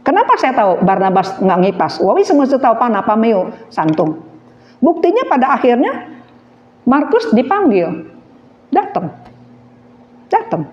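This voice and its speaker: A woman preaching a sermon, animated, throwing questions at her listeners and slipping into slang. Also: on the high side, a little slow, long pauses, reverberant, slight background noise. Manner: animated, asks the audience questions, mixes in slang. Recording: dull lo-fi recording.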